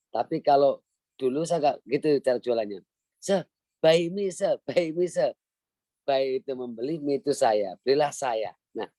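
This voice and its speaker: A man's voice: mid-range voice, dark tone, dry recording. A middle-aged man giving an emphatic talk on a video call as a webinar guest speaker, often repeating his key phrases.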